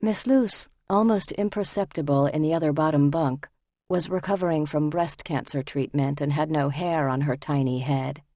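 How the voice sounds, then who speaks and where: A woman narrating a first-person memoir in a measured, reflective way. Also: low-pitched, no echo. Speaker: audiobook narrator. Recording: dry, slightly muffled recording.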